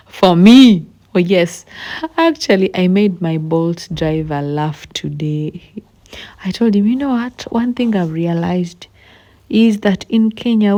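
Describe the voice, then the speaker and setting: Woman, young adult, travel vlogger, lowish warm voice, chatty, filmed on a phone in a car. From Uganda. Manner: chatty and expressive, addresses viewers directly. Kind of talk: casual travel vlog. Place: inside a car on a city expressway.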